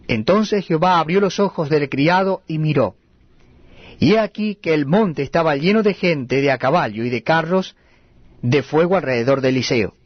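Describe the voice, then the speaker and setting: A man reading scripture aloud at a steady, measured cadence. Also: on the high side, no echo, dull audio. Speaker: Bible reader.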